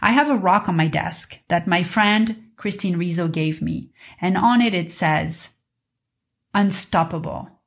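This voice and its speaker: A woman's voice: lowish voice, measured pace, creaky. A woman podcast host teaching in an earnest, instructive spiritual guru manner, in a motivational monologue.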